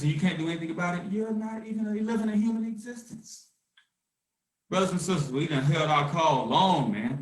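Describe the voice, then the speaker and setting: A fiery man hosts a call, his fairly high voice rising to shouts and dropping to a hush. The sound carries a roomy echo around him. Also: far from the mic. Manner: fiery, swinging from shouting to hushed calm. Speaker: host of a conference call. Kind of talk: impassioned activist talk.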